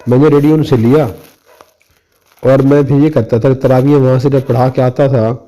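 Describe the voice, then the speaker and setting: Mellow-voiced male preacher telling a story. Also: medium pitch, fairly even intonation. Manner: conversational, anecdotal, addresses listeners directly. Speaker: Islamic preacher. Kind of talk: storytelling religious talk.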